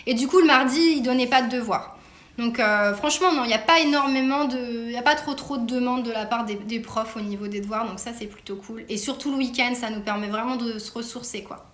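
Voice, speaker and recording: A chatty middle-aged woman with a high voice, hosting a relaxed live-stream from home. She talks in an easygoing way with many fillers and laughs often. Her phone catches a lot of room echo. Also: a little fast. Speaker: host interviewing her daughter. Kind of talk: casual live-stream chat. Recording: roomy echo.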